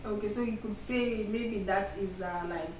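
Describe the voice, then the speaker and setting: A woman's voice: medium pitch, moderate pace, a little mellow. A woman from Kenya with a Kenyan accent, hosting a casual sit-down vlog chat and speaking conversationally to viewers. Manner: conversational, addresses viewers as "guys". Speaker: vlog host. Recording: echoey room, distant mic, faint noise.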